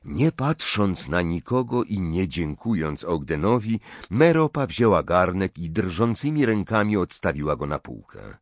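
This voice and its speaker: A man reading a story aloud as an audiobook narrator, in expressive scripted narration on a close mic. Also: low-pitched, measured pace, few pauses, dry recording.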